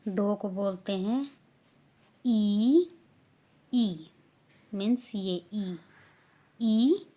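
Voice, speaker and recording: A woman from India with an Indian accent, teaching a beginner language lesson, saying each word slowly and loudly and repeating it. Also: mid-range voice.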